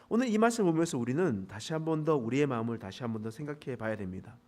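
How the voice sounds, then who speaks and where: A man from the Gyeongsang region preaching a morning prayer sermon as pastor, telling the story with animated swings and then slowing into earnest prayer. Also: fairly high pitch. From Gyeongsang region, Korea. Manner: animated storytelling, retells scenes with lively vocal swings; slows and softens into earnest exhortation and prayer.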